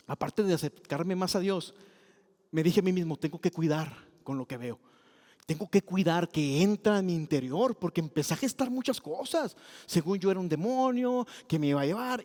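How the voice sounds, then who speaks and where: A man preaching a sermon and telling a personal story in an animated way, acting out the voices he quotes. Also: sits high, long reverb tail. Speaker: pastor.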